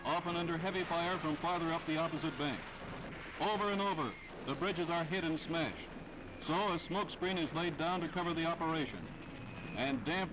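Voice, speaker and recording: A man with a voice on the high side delivers scripted 1940s newsreel narration, formal and declamatory with dramatic phrasing. The vintage soundtrack has loud music and low recording quality.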